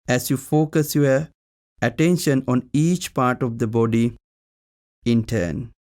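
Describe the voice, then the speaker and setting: A male teacher leads a guided meditation in a medium-pitched voice, giving short, calm instructions separated by long pauses.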